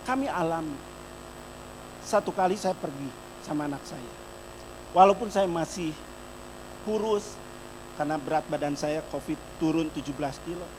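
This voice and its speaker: A middle-aged man preaching a sermon in church, telling a personal testimony and speaking directly to the congregation, moving between loud emphatic peaks and soft, quiet storytelling. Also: a little high, normal speed, long pauses, background noise. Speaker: pastor.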